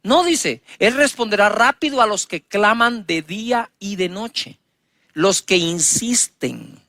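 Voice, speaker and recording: A man's voice: high voice, lively intonation, slow, no echo. Man preaching a dramatic sermon. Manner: dramatic preaching, reading scripture aloud and retelling it; wide swings in loudness and emphasis. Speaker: pastor.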